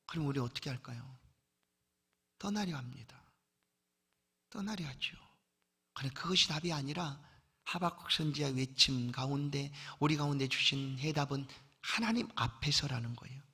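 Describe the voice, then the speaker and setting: A man preaching a sermon as pastor, swinging from loud exhortation down to a hushed, almost whispered delivery. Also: mid-range voice, lively intonation, normal speed, pauses often, husky.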